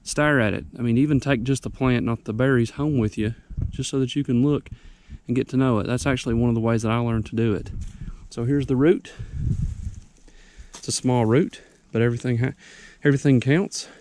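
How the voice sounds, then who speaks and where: A man's voice: mid-range voice, fairly even intonation, fairly quick, darkish tone. A young man, out of breath, giving folksy, rambling how-to tips outdoors on a wooded mountainside. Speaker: ginseng hunter vlogger. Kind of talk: casual outdoor how-to vlog.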